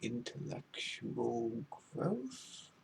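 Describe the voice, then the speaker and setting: Whispered role-play: pretentious, needy male librarian played by a man, slow, swooping intonation, fussy wording, breathy half-whisper. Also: mid-range voice, big pitch swings, darkish tone, slight background noise, full character voice. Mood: halting, grandiose. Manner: pompous, halting, theatrically wordy. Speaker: ASMR role-play performer.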